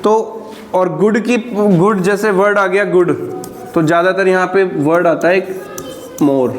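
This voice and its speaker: A man teaching a grammar lesson, dictating examples slowly and answering his own questions. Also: high-pitched, steady tone, slight background noise.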